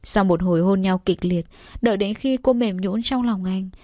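A woman reads a story aloud at a steady, even pace, her voice set in a middle register. The recording is dry and close, with no room sound. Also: mid-range voice, normal speed, no room sound. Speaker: narrator. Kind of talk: audiobook narration.

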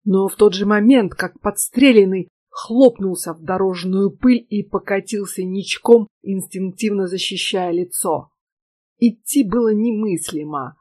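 Woman reading a novel aloud, unhurried and steady, taking her time. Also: medium pitch, no room sound. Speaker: audiobook narrator. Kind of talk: scripted narration.

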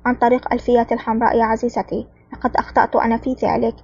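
Woman reading a calm, wry male spy hero. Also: fairly high pitch, racing, husky, dry recording, lo-fi sound. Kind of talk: audiobook character reading.

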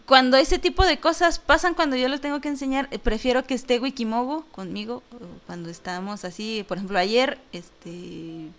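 A Mexican woman hosting a casual online show, chatting freely and laughing often as she answers listener comments. Her voice sits a little high for a woman. She fills her talk with easygoing fillers and quick jokes. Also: a bit bright.

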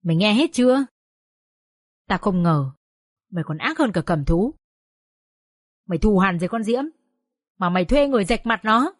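A woman voicing a hot-tempered older village father who scolds harshly and yells. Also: lowish voice, normal speed, long pauses, slightly rough. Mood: raging.

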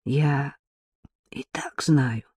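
A hoarse young woman with a sore throat, as a male audiobook reader puts her on, talking quietly in a breathy half-whisper. She is dry and teasing, grumbling back at the man beside her. The sound is close and dry. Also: mid-range voice, extremely slow, dry recording.

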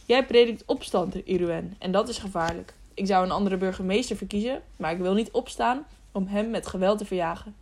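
A woman voicing a cautious, defensive townsman who bristles indignantly at being called a coward. The audiobook reading is loud and a little higher in his lines, yet close to her own voice. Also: fairly quick, hardly any pauses, close to an everyday voice.

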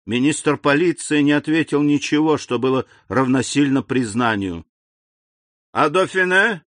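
A man narrating a classic novel in an even, deliberate storytelling manner. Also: mid-range voice, no echo. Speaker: audiobook narrator. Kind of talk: scripted narration.

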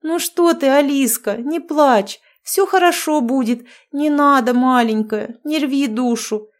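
A woman's voice: high-pitched, measured pace, voice pushed up. A woman reading aloud, voicing a young witch who fusses over her friend and soothes her. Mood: soothing. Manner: doting, soothing.

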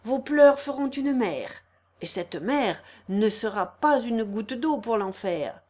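A woman's voice: a little high, animated, slow pace, darkish tone. A woman reading as an old priest preaching hellfire. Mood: menacing. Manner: declaiming, sermon-like. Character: old male village priest, preaching fiercely. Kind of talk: audiobook reading of a quoted hymn.

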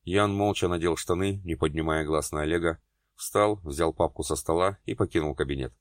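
A man reading a novel aloud as narrator, in a steady dramatic delivery that carries both the narration and the characters' lines. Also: deep voice, moderate pace, no room sound, clean studio sound. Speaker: audiobook narrator. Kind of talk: scripted narration.

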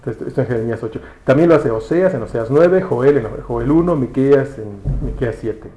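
A man's voice: medium pitch, moderate pace, mellow, echoey room, a little hiss or hum, rough recording. A man preaching a conversational sermon, often restarting words and asking rhetorical questions. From Mexico. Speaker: pastor.

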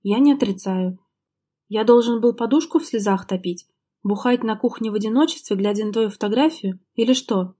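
A defensive husband bristles and fires back short, clipped answers, as a woman reading an audiobook puts him on. Her mellow, warm tone keeps him close to her own voice. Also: mid-range voice, a little fast, slightly rough, natural voice. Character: irritated husband, gruff and defensive.

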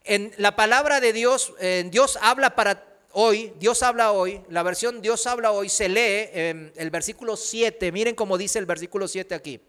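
Man, preacher, high voice, bright tone, emphatic sermon delivery. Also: normal speed, clean tone. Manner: swings from loud emphatic preaching to soft anecdotes, laughs while telling stories.

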